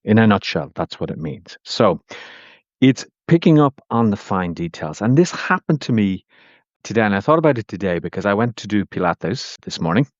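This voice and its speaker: Low-voiced Irish man giving a coaching tip. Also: very animated, moderate pace, no echo, lo-fi sound. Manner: chatty and anecdotal, with friendly asides. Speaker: communication coach. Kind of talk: casual talking-head teaching tip.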